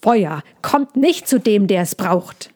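A woman's voice: unhurried, darkish tone. A fussy, scolding little hedgehog, as a woman reading a story puts him on. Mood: agitated. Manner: high, agitated and scolding. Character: fussy anxious male hedgehog, small and scolding.

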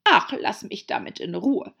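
A woman voicing a harsh, bossy noblewoman with a hoarse growl, snapping her words out rudely in an audiobook. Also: mid-range voice, big pitch swings, fairly bright tone, pitched above the performer's own voice, heavily acted. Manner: snappish, rude, drawn-out words. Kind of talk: audiobook character voice.

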